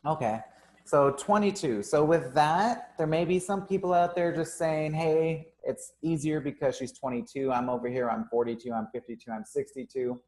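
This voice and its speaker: Here a young gym owner runs an informal live interview, cheerful and filler-heavy with frequent ums and uhs. He talks at a normal speed in a voice on the high side, a little mellow.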